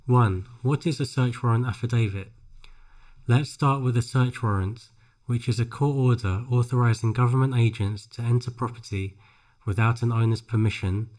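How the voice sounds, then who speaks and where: A man reads scripted narration for a pronunciation drill, phrase by phrase, with careful, measured enunciation. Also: medium pitch, a little mellow. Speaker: English shadowing practice narrator.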